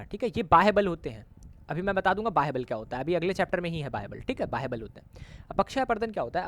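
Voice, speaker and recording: A man teaching a school geography lesson over diagrams, explaining patiently, mixing Hindi and English terms, checking in constantly and correcting himself mid-sentence. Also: a little high. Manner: repeats "ठीक है" often as a check-in.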